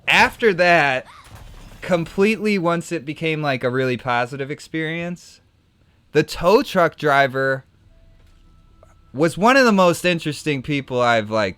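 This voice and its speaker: A man with a medium-pitched, smooth voice and no room sound live-streams a game while chatting casually. He tells an animated, rambling story full of restarts, fillers and "like".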